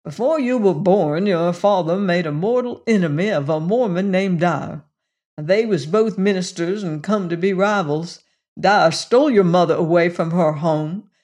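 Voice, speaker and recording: A woman voices a gentle, protective cowboy gunslinger for a storybook reading, speaking with a rich, fairly low voice and a folksy Western drawl.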